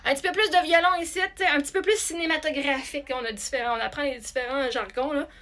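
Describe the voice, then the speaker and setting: A woman with a Québécois accent, a singer talking casually to her followers in a chatty, animated way with many restarts. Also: high voice, fast. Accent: Québécois French. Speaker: singer and content creator. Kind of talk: casual talk to camera.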